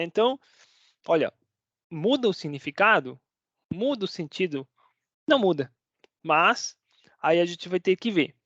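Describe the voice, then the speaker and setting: A man's voice: high-pitched, no room sound. A man gives a casual online Spanish lesson in a chatty, conversational way. He keeps stopping to check that his viewers are following. The recording is dry and close, with a slightly dull, muffled tone. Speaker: Spanish teacher.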